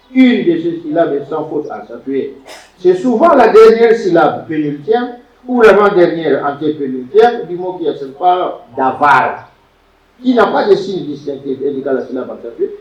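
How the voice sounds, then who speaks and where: A man lectures a class on biblical Hebrew grammar, repeating words and quizzing his students along the way. His voice is fairly high and a little mellow, captured in a roomy, distant, dull lo-fi classroom recording.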